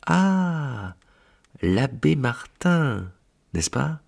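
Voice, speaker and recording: A man voicing a tall, dark-winged male angel of purgatory with a raspy, mournful voice, often pitched higher than his own. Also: big pitch swings, extremely slow, exaggerated voice. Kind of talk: storytelling read-aloud.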